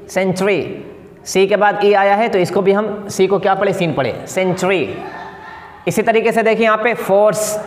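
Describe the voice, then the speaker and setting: गूंजते कमरे में ऊँची आवाज़ वाला पुरुष शिक्षक. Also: male voice, sits high. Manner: slow, repeats example words several times. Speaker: English teacher. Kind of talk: classroom lesson at a board. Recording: echoey room with long reverb.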